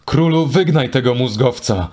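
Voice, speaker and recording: A man's voice: mid-range voice, normal speed, voice pushed up, natural voice. A man doing a scornful young queen. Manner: sharp and scornful. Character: angry young queen Isolde. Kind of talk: audiobook character reading.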